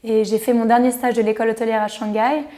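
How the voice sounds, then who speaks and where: A woman in her thirties from Switzerland, a singer guest chatting in a relaxed way on a radio interview. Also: fairly high pitch, quick pace. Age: 30s.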